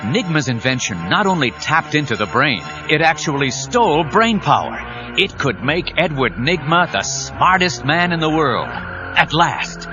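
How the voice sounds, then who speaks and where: A man narrates an audio drama in an emphatic, suspenseful storytelling style, his voice on the high side, sing-song and a little slow. The recording is dull 1990s cassette audio with music.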